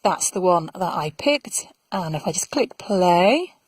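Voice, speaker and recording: A middle-aged woman, a voiceover artist, chatting to camera from her small home studio in a friendly, clearly enunciated way. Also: fairly low pitch, expressive, unhurried, no echo, rough recording. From England. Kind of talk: casual explainer to camera.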